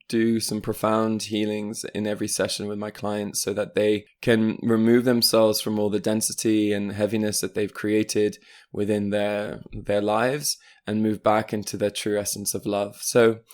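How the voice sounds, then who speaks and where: A man who grew up in France, chatting on a podcast as a guest. His voice sits a little low, and he talks in an animated, rambling way, full of fillers and asides. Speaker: guest, spiritual coach. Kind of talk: casual podcast interview.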